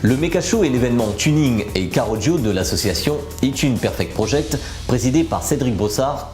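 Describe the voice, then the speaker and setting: Male narrator for a car show report, animated pitch, roomy sound with music under it. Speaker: narrator of a motoring magazine show. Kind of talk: scripted voice-over narration.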